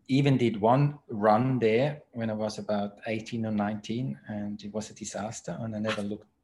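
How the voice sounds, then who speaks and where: A man, a podcast guest telling his story in a measured way over a video call. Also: on the low side, fairly even intonation, a little mellow. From Switzerland. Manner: measured, unhurried storytelling with hesitant fillers. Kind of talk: casual interview chat.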